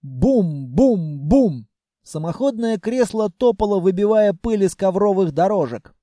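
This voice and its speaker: A man narrating a first-person fantasy audiobook in a playful, lively storytelling manner. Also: high voice, normal speed, no room sound, clean studio sound.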